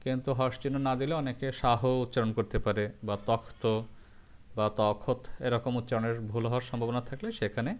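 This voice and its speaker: A man teaching a grammar lesson, going through rules step by step and repeating each example slowly. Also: medium pitch, steady tone, highs cut off. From Bangladesh.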